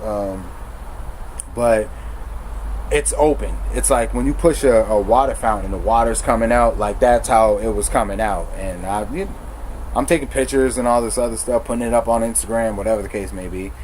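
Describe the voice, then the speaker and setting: A man's voice: lowish voice, normal speed, darkish tone, a little hiss or hum. Candid man telling his own story. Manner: conversational, frank, slangy, with fillers and self-corrections. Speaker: storyteller sharing his recovery testimony.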